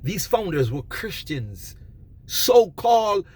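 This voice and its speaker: A man giving an emphatic, preachy monologue of advice, often rising almost to a shout. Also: high-pitched, sing-song, slow, breathy edge, no echo. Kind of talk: passionate monologue.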